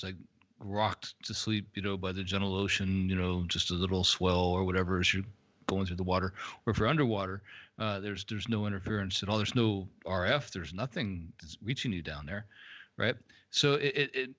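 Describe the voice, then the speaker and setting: A man's voice: fairly low pitch, fairly bright tone, dry recording, dull audio. Man sounding boxed inside a metal tank. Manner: rambling, reminiscing storyteller. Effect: boxy tin-can sound, like inside a metal tank. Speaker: guest. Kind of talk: casual chat on a live stream.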